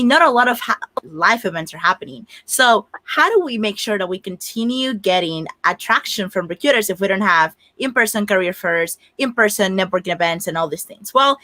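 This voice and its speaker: Bright, direct woman giving career advice. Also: mid-range voice, no echo. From Dominican Republic. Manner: instructive, direct, addresses job seekers. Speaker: career coach guest. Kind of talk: energetic advice talk.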